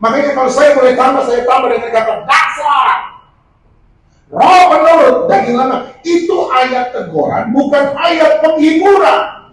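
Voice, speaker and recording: A man preaching a sermon as a pastor, animated, often raising his voice to a shout for emphasis and acting out the voices he quotes. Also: very high-pitched, moderate pace. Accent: Indonesian. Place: church prayer meeting hall. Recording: distant, very echoey hall with faint noise.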